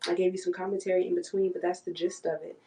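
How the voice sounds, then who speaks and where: Low, even-voiced woman reading tarot. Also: fast talker, rough recording. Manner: speaks for the cards' figures in quoted asides. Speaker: tarot reader.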